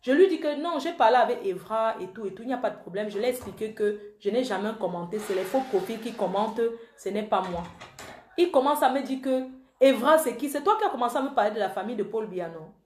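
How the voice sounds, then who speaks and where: She talks fast in a fairly high, expressive voice, recorded in an echoey room with slight background noise. The online commentator, who goes by the panther, angrily accuses a man directly in an emotional live-stream rant, circling back to the same charges again and again even though he's absent.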